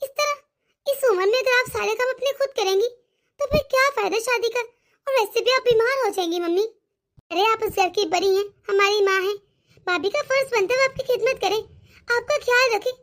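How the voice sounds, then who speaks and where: A woman voicing a petulant, meddling young married daughter in an animated cartoon, scolding and dramatic. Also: very high-pitched, normal speed. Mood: scheming.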